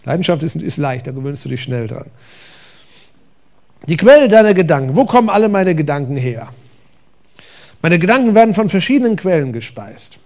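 Gravelly preaching man. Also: on the high side, fairly quick, long pauses. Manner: conversational, lively preaching with rhetorical questions. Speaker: pastor. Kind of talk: sermon. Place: church stage.

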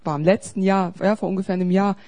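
A woman pastor preaches, her voice sitting at an ordinary middle pitch. She moves from loud, urgent appeals to a low, intimate storytelling tone and back again. It is the delivery of someone who talks to a congregation every week. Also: fairly even intonation, quick pace. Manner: emphatic, swings between loud urging and quiet storytelling. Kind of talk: sermon.

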